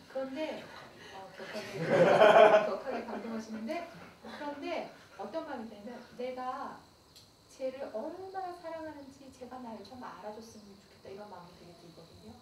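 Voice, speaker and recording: A middle-aged pastor's wife giving a playful, confiding church camp lecture on dating in a large hall. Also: female voice, high-pitched. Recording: echoey hall, far mic, noisy.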